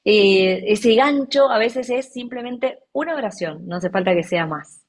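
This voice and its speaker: A woman's voice: on the high side, animated, measured pace. Woman, speaking coach, chatty and explaining, repeats stuff for emphasis. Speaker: communication and public speaking coach. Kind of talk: casual conversational interview.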